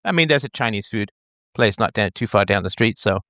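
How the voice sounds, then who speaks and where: Talking a little fast in a fairly low voice, a thirty-something man playfully explains a concept in a casual conversation, as if to a child. He's animated, and the studio-quality recording is dry.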